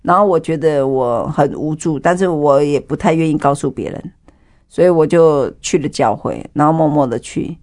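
A woman's voice: low-pitched, a little mellow. A woman with a Taiwanese Mandarin accent tells her own story as an interview guest. She speaks with feeling and acts out the voices of the people she describes. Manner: vivid storytelling, acts out dialogue. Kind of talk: emotional personal testimony.

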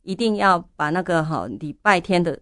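An older woman speaks in a somewhat low voice, a church elder recounting her experience in an interview. She is fervent and often repeats her prayers aloud. The recording is dry, with almost no room sound. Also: moderate pace, a bit bright, clean tone, no room sound. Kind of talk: testimony interview.

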